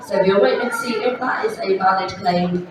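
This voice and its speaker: A woman's voice: medium pitch, moderate pace, crowd noise. A woman making live announcements to players as a bingo host. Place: large indoor holiday park venue. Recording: echoey hall PA, distant, music behind. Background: music.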